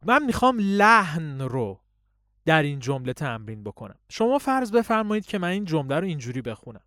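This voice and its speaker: A man's voice: very animated, pushed and bright, dry recording, clean studio sound. A man teaching public speaking, explaining techniques and reciting poetry to show them. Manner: swings voice high and low in drills. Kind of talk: spoken lesson with recited examples.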